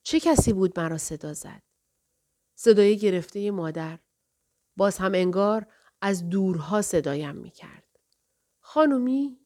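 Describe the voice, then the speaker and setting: A woman reading a first-person novel aloud in a quiet, reflective way. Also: on the low side, long pauses. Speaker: narrator. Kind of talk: audiobook narration.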